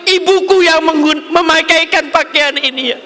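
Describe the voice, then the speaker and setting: A man's voice: very high voice, normal speed, pushed and bright. A male preacher voicing a brave young nephew earnestly begging his uncle. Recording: echoey hall reverb.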